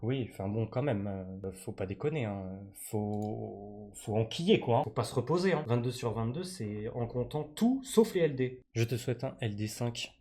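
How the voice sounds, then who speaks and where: A man from France commentates his game live for his viewers. He talks in a loose, slangy, teasing way at an ordinary middle pitch. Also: animated, moderate pace, hardly any pauses, warm tone. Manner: slangy, joking banter with chat. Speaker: streamer. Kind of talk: live-stream gaming commentary.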